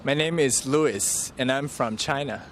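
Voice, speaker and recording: Guy playing a polite tourist, slow short answers, bit of street noise around. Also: medium pitch, close to an everyday voice. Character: polite man tourist who likes art museums. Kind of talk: scripted English lesson dialogue. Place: outdoors in a city.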